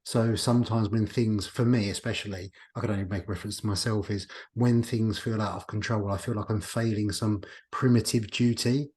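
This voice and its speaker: A man hosts a podcast in a casual, reflective conversation, thinking aloud and often restarting his sentences. His voice is on the low side and a little mellow, with fairly even intonation, a moderate pace, and hardly any pauses.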